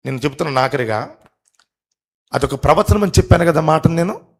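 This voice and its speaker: A man preaching a live sermon to a congregation, questioning the crowd, urging loud replies and rising to emphatic, drawn-out peaks. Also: a little high, animated, slightly rough. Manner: rises to emphatic, drawn-out climaxes. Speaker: pastor. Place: church service before a congregation.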